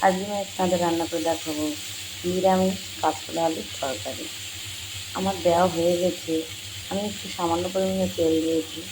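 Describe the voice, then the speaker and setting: Hoarse home cook with a gravelly voice. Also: medium pitch, background noise. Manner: plain instructive, addresses viewers as friends. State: hoarse from a cold. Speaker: home cook hosting a cooking channel. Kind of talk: cooking tutorial with step-by-step talk. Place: home kitchen. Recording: home kitchen with sizzling and clattering pans.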